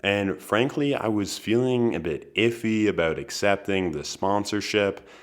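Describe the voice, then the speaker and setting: A man in his twenties hosting a podcast, delivering a comedic monologue in a dry, deadpan manner with wry asides. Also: fairly low pitch, unhurried. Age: 20s. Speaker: podcast host.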